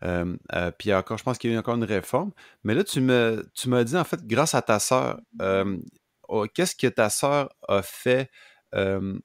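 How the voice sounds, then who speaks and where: Podcast host, Québécois man, low-pitched, halting and repetitive, dry close recording. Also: lively intonation, no room sound. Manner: halting, repeats words while forming questions. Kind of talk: casual interview chat.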